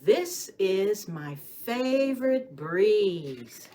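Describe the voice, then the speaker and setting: With clearly audible noise around her, this storytime host, a children's librarian, reads rhymes and stories to little kids. Her mid-range voice is expressive and sing-song. She speaks to the children directly, asking questions and waiting for replies.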